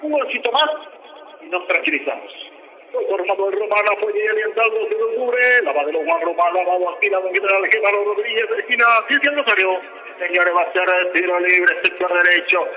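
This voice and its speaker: High, piercing Paraguayan man in breakneck goal commentary. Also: rough recording. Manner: breakneck, excitable goal calling with drawn-out cries and repeated words. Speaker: radio football commentator. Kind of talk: live play-by-play football commentary. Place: live radio broadcast from a football stadium.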